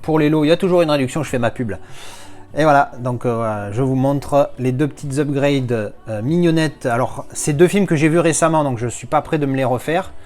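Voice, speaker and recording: A man's voice: medium pitch, a little fast, a little mellow, faint music behind. Chatty French-speaking man unboxing discs. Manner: chatty, rambling, playful asides. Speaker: YouTuber unboxing movie discs. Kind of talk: casual unboxing chat.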